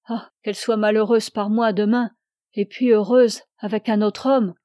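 A man's voice: high voice, steady tone, moderate pace, mellow, no echo, clean studio sound, close to an everyday voice. A woman reading the part of an exhausted young man, tearful and pleading over a lost love. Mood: anguished. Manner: pleading, anguished.

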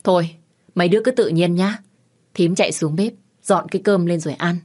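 A woman's voice: on the low side, a little fast, darkish tone, close to an everyday voice. A woman voicing a frank, easygoing middle-aged aunt who teases bluntly in an audio story. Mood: teasing. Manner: blunt and teasing.

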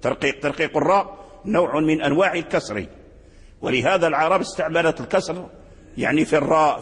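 A man's slightly high, husky voice explains Quran readings in a slow, repeating lecture. He restarts his words often and chants the examples. The sound carries a long hall reverb. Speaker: Quran recitation teacher.

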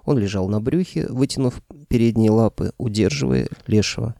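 A man reading an audiobook in an even, wry storytelling manner. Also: fairly low pitch, moderate pace, creaky, dry recording, clean studio sound. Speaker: audiobook narrator.

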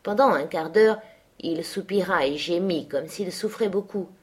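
A woman reading a novel aloud as audiobook narrator, with measured, lowered storytelling delivery. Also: a little mellow, breathy edge. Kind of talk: scripted narration.

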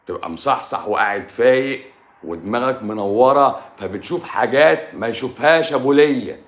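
A man with an Egyptian Arabic accent, a doctor, answers viewers casually on a livestream microphone, blunt and teasing and sometimes dropping to a mutter. His mid-range voice is fairly bright, and the room echoes.

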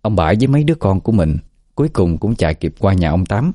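Deep, mellow-voiced male storyteller. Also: big pitch swings, fast, no room sound, clean studio sound. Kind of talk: scripted story narration.

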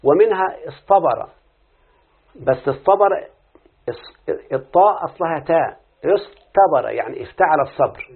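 An Egyptian man teaching a class, his voice slightly high and husky. He questions his students often and drags out the patterns he wants them to repeat. The sound is thin and phone-like. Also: lively intonation, moderate pace, long pauses. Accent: Egyptian Arabic. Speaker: teacher of Arabic morphology. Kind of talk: classroom lesson with student responses. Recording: tinny phone-like lo-fi recording.

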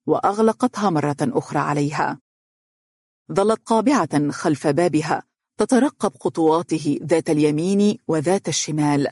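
Narrator for a novel, dramatic and steady, husky voice, dry sound. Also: mid-range voice, no echo. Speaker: audiobook narrator.

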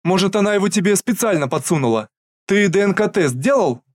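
A man's voice: high voice, lively intonation, fairly quick, dry recording, studio quality, voice pushed up. A man voicing an elderly mother who wails and pleads through tears. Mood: suspicious. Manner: wailing, pleading.

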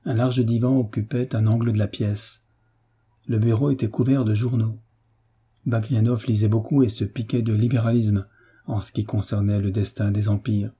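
A man reading a novel aloud in steady audiobook narration. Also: on the low side, normal speed, husky.

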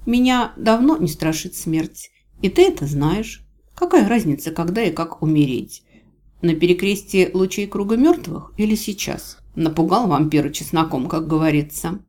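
A woman voicing a defiant, sharp-tongued cat heroine. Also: lowish voice, animated, moderate pace. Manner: defiant, snappish. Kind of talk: audiobook character voice.

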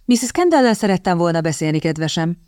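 A gossiping aristocratic countess, as a woman narrator puts her on leans in with sweet, confidential meddling. The voice sits low and close in a dry, deadened space. It plays as a storybook audiobook character. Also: sing-song, darkish tone, no room sound. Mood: confiding.

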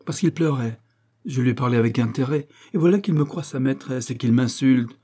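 A man reading an audiobook, voicing a proud noblewoman with haughty, sharp irony. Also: mid-range voice, a little fast, breathy edge, lightly acted. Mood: mocking. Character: proud cutting noblewoman, marquise, mocking.

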